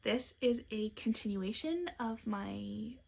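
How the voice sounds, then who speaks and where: A woman's voice: on the high side, expressive, slow, gravelly, slightly rough. A young woman hosting a knitting podcast, showing off her designs in a chatty, upbeat way. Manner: chatty and upbeat, with soft asides. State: has hiccups. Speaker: knitwear designer and podcast host. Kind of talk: casual show-and-tell podcast chat.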